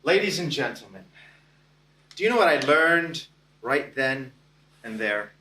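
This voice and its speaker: A man giving a prepared contest speech, telling a personal story dramatically with deliberate pauses. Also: medium pitch, big pitch swings, sharp tone. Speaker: contest speaker. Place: club meeting hall. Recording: echoey hall from a distance.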